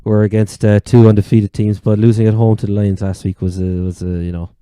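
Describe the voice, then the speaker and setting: A man's voice: lowish voice, level tone, fairly quick, dark tone, clear, resonant tone, dry recording, studio quality. A man with an Irish accent from Cork, hosting a casual sports chat. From Ireland. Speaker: sports podcast host.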